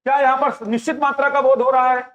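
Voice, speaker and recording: High-voiced teacher quizzing his class. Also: little pitch movement, quick pace, a bit bright. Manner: quizzing students with repeated questions. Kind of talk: classroom lecture. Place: classroom with live students. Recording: dull lo-fi sound.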